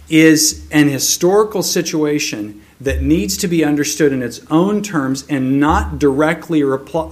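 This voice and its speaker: A man preaching a sermon, reading scripture aloud in a slow, measured way, then explaining it. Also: on the high side.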